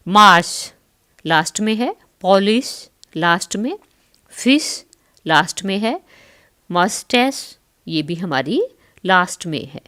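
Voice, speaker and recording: Slow, lively-voiced woman teacher. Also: mid-range voice. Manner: spells out words letter by letter, then says them slowly; reads English lines slowly, then explains them in Hindi. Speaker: English teacher. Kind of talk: online school lesson.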